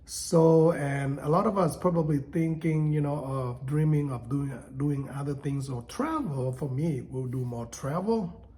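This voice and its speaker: A man in his fifties, from Thailand, talking casually and haltingly to camera from home about his coming retirement, with many fillers and restarts. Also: fairly high pitch, dark tone. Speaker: vlogger. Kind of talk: casual unscripted talk to camera.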